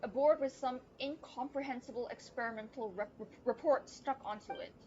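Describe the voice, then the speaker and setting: Speaking high and a little fast, a young woman streams a game, tossing out playful, wry remarks and now and then reading the on-screen text. The dull lo-fi mic picks up a noisy background along with the game's music.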